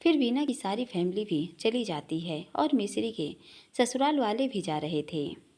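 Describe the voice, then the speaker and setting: A woman storyteller narrating a romantic family story, expressive and speaking straight to her listeners. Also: mid-range voice, unhurried.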